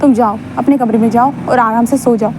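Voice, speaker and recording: A woman's voice: a little high, fairly even intonation, brisk, background noise, natural voice. Woman voicing a stern reserved young man. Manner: curt, scolding. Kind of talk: fan fiction storytelling.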